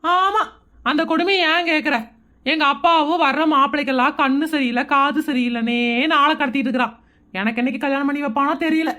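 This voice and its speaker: A teasing unmarried neighbor in her late thirties, voiced by a woman for a cartoon comedy. Her voice sits high and she talks fast. She needles everyone in quick, cheeky banter. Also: steady tone, bright, forceful tone. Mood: chatty. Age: 30s. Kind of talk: animated comedy voice acting.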